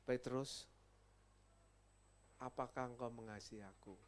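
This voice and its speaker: A man voicing a calm, authoritative teacher, quoted in a solemn, measured way in a sermon. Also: medium pitch, a little hiss or hum, voice pushed down, natural voice. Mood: gentle.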